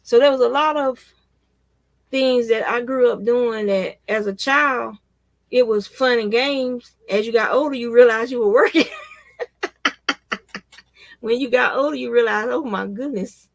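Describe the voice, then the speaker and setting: A woman's voice: a little high, unhurried, vocal fry, long pauses, no room sound. A woman in her fifties, chatting casually and reminiscing at a rambling pace with frequent restarts. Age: 50s. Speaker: crochet vlogger. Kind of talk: casual reminiscing while crocheting.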